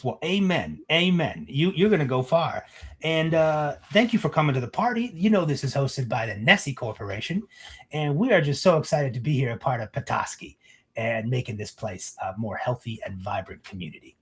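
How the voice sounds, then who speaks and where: A man voicing a tall, glamorous corporate event planner woman, smooth and schmoozing. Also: extremely low pitch, very animated, moderate pace, exaggerated voice. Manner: smooth, schmoozing, self-promoting.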